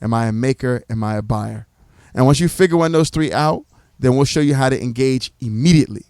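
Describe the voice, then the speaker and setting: A man's voice: mid-range voice, fairly quick, a little mellow, clear, resonant tone, no room sound. Dry, preacherly man repeating phrases. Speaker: community organizer presenting his platform. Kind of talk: livestream pitch to an audience.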